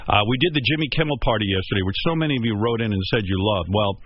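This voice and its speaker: Male talk radio host, husky, rambling jokey patter, dull lo-fi broadcast sound. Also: lowish voice, animated, very fast, dry recording. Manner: rambling, joking, self-deprecating.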